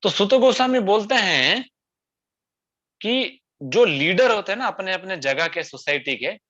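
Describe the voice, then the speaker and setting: A man's voice: high voice, expressive, unhurried, fairly bright tone. A man preaching a scripture discourse in a conversational way, often tagging lines with rhetorical asides. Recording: dull lo-fi sound.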